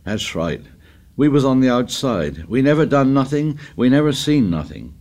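An anxious, stubborn boy from an audiobook, played by a man. The voice is pushed up high and shrill. He talks in excitable, insistent bursts with rough, unschooled grammar, defensive and pleading. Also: unhurried. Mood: eager, stubborn.

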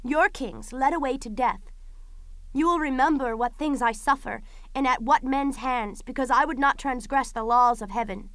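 A doomed young tragic princess, acted by a woman, speaks in a high, smooth, resonant voice. She declaims her grief solemnly, with defiance, as in classical Greek drama. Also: moderate pace, a bit bright, no room sound. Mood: mournful, defiant. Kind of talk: classical Greek tragedy audio performance.

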